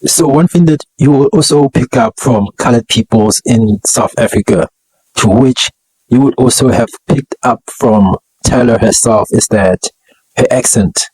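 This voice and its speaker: A man explaining things deliberately. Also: mid-range voice, darkish tone, slightly rough, no echo, poor audio.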